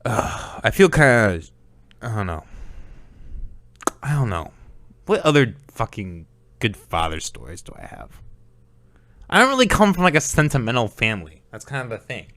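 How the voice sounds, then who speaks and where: A man's voice: mid-range voice, sing-song, moderate pace, pauses often, a bit bright, no echo. A young man hosting a solo podcast, rambling casually with lots of swearing and laughter. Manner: rambling, profane, laughs often. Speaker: podcast host.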